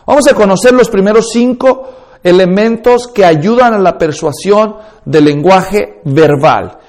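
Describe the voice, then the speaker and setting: A man teaches a course on preaching in a high, unhurried, slightly mellow voice. He is emphatic and instructive, addresses listeners directly, and uses his own voice to demonstrate tones and speeds.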